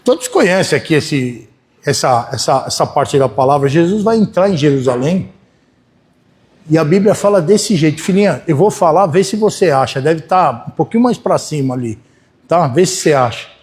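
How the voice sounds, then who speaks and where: This Brazilian Portuguese–accented pastor preaches his sermon at normal speed, his voice a little high and his intonation lively. In a folksy style, he regularly checks in with the congregation as his volume rises and falls between loud and soft.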